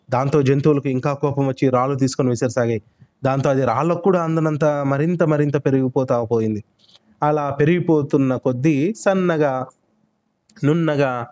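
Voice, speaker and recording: A man telling a children's story, expressive and full of lively sound words. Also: medium pitch. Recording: muffled lo-fi recording.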